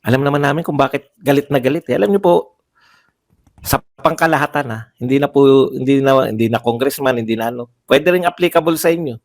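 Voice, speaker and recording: A man's voice: medium pitch, a little fast, a little mellow. A man giving heated livestream political commentary, firing off rhetorical questions and repeating phrases for emphasis.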